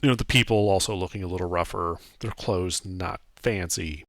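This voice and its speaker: A man's voice: low-pitched, normal speed, fairly bright tone, dry recording, clean studio sound. A man narrating a tabletop game as game master in a casual, improvised way, often searching for words.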